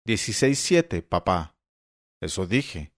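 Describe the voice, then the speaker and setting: A man voicing a patient but tired grown son who reads numbers aloud calmly, in an audiobook. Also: deep voice, takes it slowly, no echo, studio quality, full character voice. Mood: weary. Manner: calm, flat, tired. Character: patient, weary adult son.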